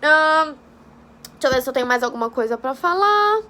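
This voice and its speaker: Bright, chatty Brazilian woman teaching English. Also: high-pitched, expressive, normal speed. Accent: Brazilian Portuguese. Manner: chatty, informal, swears casually, checks in with "tá?". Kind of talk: casual online English lesson.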